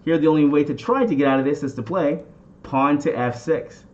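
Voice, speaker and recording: Higher-voiced man teaching, slightly muffled sound. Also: brisk, darkish tone. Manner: addresses viewers with questions and catchphrases. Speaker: chess instructor and channel host. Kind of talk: instructional game commentary.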